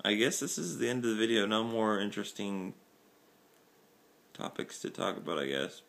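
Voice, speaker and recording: A man's voice: on the low side, animated, normal speed, creaky, fairly bright tone. A young man hosting a casual vlog, talking easygoing into a handheld camera. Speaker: vlog host. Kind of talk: casual chat.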